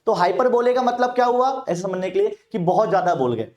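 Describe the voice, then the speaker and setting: A man's voice: high-pitched, expressive, quick pace, darkish tone, highs cut off. A man with an Indian accent teaching English poetry in a Hindi-English mix, asking questions and answering them himself. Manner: calls students "bhaiya". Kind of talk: Hinglish exam-prep lecture.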